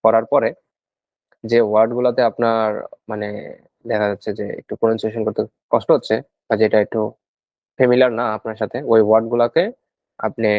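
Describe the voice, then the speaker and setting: A man's voice: on the low side, no echo. A man tutoring students for an English speaking exam, explaining step by step in a casual lesson and repeating his key points. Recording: dry, dull lo-fi sound.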